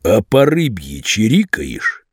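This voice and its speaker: A man doing a slow, menacing gangster boss. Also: lowish voice, huge pitch swings, slightly rough, no room sound, studio quality, exaggerated voice. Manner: slow, threatening, drawling. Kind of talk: audiobook character voice.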